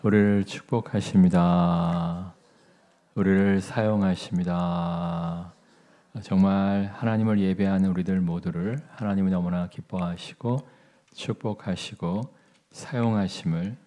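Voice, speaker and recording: A male pastor delivers a sermon in a very low, deep voice. He speaks slowly and deliberately, tells personal stories, and asks the congregation questions. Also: dark tone. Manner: slow, deliberate delivery, telling anecdotes and asking the congregation questions.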